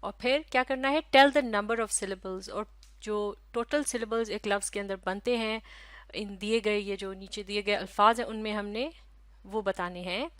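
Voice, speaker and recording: A woman teacher with a Pakistani Urdu accent, giving a recorded lesson to children, stretching out syllables slowly and asking questions that she answers herself. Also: mid-range voice, steady tone, fairly bright tone, dry recording. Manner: slow, careful, drawn-out syllables for children. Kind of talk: recorded classroom lecture.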